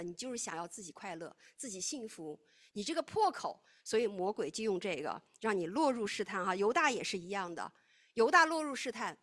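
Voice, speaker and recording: A woman delivers a sermon in a lively, sing-song way, her voice leaping far up and down. She moves between loud, pressing emphasis and soft, hushed asides. Her voice sits fairly high. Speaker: preacher.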